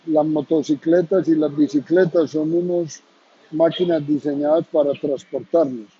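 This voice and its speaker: A middle-aged man from Colombia with a Colombian accent, hosting and talking to viewers in an earnest, measured way with hesitant pauses. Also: fairly high pitch, steady tone, warm tone, husky. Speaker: host. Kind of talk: casual talk to viewers. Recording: dull lo-fi sound.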